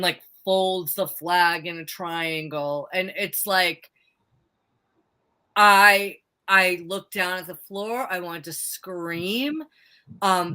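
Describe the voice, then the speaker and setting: Woman, forties, bright and forceful, an emphatic ranter in casual chat. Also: lowish voice. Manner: emphatic, animated and ranting.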